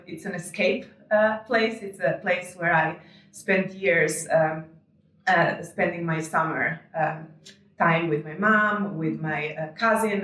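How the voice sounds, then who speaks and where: Woman guest, low voice, considered and hesitant, heard far off in a very echoey room. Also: fairly bright tone, a little hiss or hum. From Croatia. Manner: thoughtful, measured, with frequent hesitations. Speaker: guest, architecture festival director. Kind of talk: podcast interview. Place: indoor venue in London.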